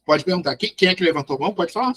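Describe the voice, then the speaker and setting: A man's voice: high voice, expressive, rapid-fire, fairly bright tone, slightly rough. A man with a Brazilian Portuguese accent, a psychologist giving a live online lecture, emphatic and addressing his listeners directly. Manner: emphatic, addresses listeners directly, tags sentences with a questioning "right?". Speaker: psychologist teaching a class.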